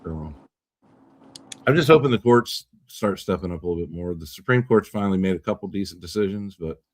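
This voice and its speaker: A man's voice: deep voice, lively intonation, brisk, no room sound. A man hosting a casual talk show, rambling with repeated words and swearing when riled. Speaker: podcast host. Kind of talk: casual political chat.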